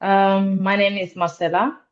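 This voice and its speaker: A Romanian woman in her twenties, a security officer and non-native English speaker, appears as a guest on a podcast in a casual interview chat. Her medium-pitched voice is flat and measured; she's earnest, laughs often and hesitates with many ums. The sound is dull and lo-fi.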